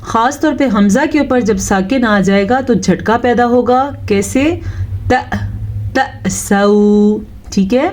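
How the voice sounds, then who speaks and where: A woman teaching Quran recitation step by step, explaining patiently and drawing out each recited word slowly. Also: fairly high pitch. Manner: slow, patient explaining with drawn-out recited words.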